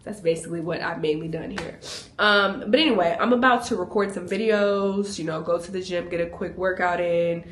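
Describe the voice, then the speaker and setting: A young woman vlogging a casual travel storytime, animated and laughing as she acts out what people said to her. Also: fairly low pitch, fairly quick, a little hiss or hum.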